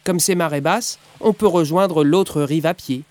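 A man's voice: fairly high pitch, unhurried, a little mellow, no room sound, voice pushed up, close to an everyday voice. A man voicing a friendly young Balinese fisherwoman who guides the family in a children's storybook. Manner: friendly, explaining.

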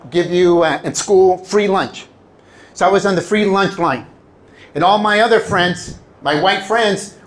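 This middle-aged public speaker, a native Spanish speaker from Southern California, has a high voice. He addresses an audience with a personal motivational talk, telling stories animatedly and performing the quoted lines.

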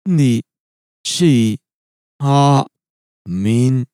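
Man, middle pitch, his speech reversed on playback, broken into single syllables. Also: expressive, drawn-out words, dark tone, clean tone, no room sound, clean studio sound. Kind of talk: casual chat.

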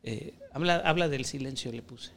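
A man's voice: medium pitch, moderate pace, gravelly, slight background noise. A man with a Mexican accent, a chef chatting as a guest and telling playful anecdotes. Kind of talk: casual chat.

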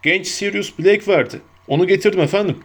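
A man voicing a huge, bearded, gentle giant who speaks dutifully and breaks into sobbing stammers. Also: high voice, fairly quick, pitched above the performer's own voice. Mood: respectful.

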